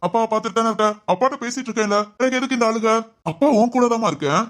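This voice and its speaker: A woman playing a gentle, encouraging middle-aged father in an amateur family drama, speaking in a fast, soothing way. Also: on the high side, lightly acted. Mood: reassuring.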